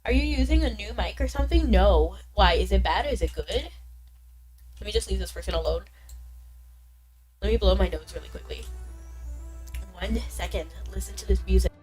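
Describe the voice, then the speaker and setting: In a low-quality recording, a young gamer chats with viewers in a mid-range voice, a little stuffed up from being ill. Her manner is bubbly and chatty, punctuated by quick bursts of excitement, with faint game music behind her.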